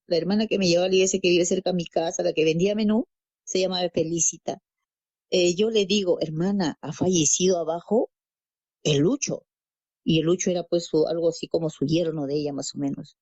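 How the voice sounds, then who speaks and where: A woman's voice: lowish voice, steady tone, a little fast, darkish tone, no echo, muffled recording. Woman from Peru telling her testimony. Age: adult parent. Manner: storytelling, acts out quoted dialogue, repeats phrases. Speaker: guest giving testimony. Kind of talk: personal faith testimony.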